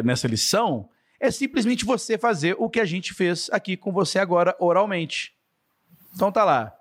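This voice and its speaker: A man hosting a casual podcast English lesson, acting out example phrases in a lively way. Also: on the high side. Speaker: English teacher, podcast host.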